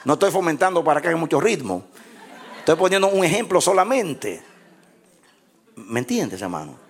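Preacher guy, kinda high voice, goes from shouting to quiet praying, faint crowd behind. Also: sing-song, moderate pace. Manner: impassioned, swings from shouted praise to hushed prayer. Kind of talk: sermon.

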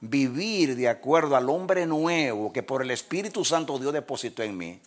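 A pastor preaching a sermon, swinging from loud, emphatic lines to hushed ones and laughing at his own jokes. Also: mid-range voice, expressive, normal speed.

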